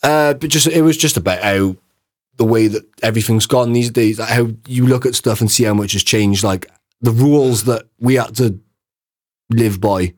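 A man co-hosting a casual podcast, talking in halting bursts with restarts and casual swearing. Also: medium pitch. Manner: halting, restarts and loses his thread. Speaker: podcast co-host. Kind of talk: casual chat.

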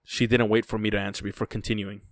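A man's voice: fairly low pitch, flat delivery, fast talker, no echo. A man narrating a first-person story in a dry, weary telling.

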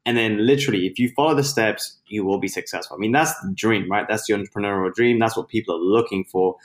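A man from London, England, with a low voice, chats upbeat and fast-laughing as a podcast guest. He's an Amazon seller taking part in a casual interview conversation.

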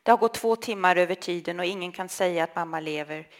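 A woman reading a literary text aloud in a slow, measured, intimate way. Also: lowish voice. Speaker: reader.

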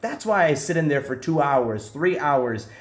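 A man's voice: a little high, animated, moderate pace, reverberant, a little hiss or hum. A man who is a priest, talking earnestly and reassuringly in a podcast discussion. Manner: earnest and reassuring, speaks with emphasis.

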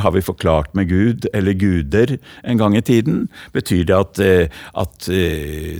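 A middle-aged man from Oslo with an East Oslo accent, a stage actor talking in an interview with thoughtful, halting restarts. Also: low-pitched, a little mellow, no room sound. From Oslo, Norway. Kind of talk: interview guest, then slam poetry.

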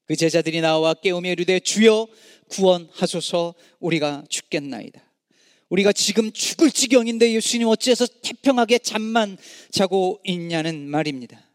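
A middle-aged man preaching a sermon, swinging from impassioned rising cries to hushed, low endings. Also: fairly quick, few pauses, no room sound, studio quality, in a large hall. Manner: dramatic rises and hushed drops, voicing anguished cries to God. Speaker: pastor.

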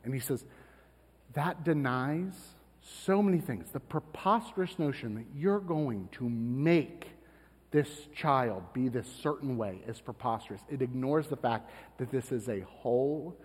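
A man's voice: mid-range voice, animated, a little slow, slightly rough. A man from Florida preaching a conversational sermon as pastor, telling stories with self-deprecating asides. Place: church sanctuary. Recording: long reverb of a church hall.

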